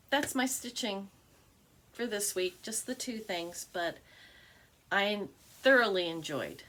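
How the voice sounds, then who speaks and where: A woman's voice: lowish voice, vocal fry, fairly bright tone, slight background noise. A middle-aged woman chatting casually about her stitching, rambling with fillers and restarts. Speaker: cross stitch vlogger. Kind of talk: casual chat.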